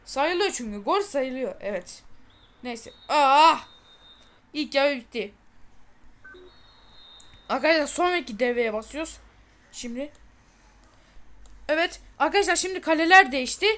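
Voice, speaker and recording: A woman giving excited let's-play commentary on her football game, chatty, urging her players on and boasting to viewers. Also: high-pitched, a little slow, pauses often. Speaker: gaming channel host.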